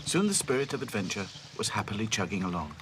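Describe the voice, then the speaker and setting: A man narrating a children's cartoon in a gentle, lilting storybook manner. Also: lowish voice, sing-song, fast talker, background noise.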